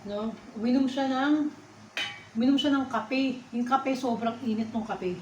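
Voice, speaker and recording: A woman's voice: high voice, unhurried, a little hiss or hum. Chatty woman vlogging over a meal. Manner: chatty, keeps calling out to viewers; talks while eating. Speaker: food vlogger. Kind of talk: casual eating vlog chat. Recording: echoey, slightly dull recording.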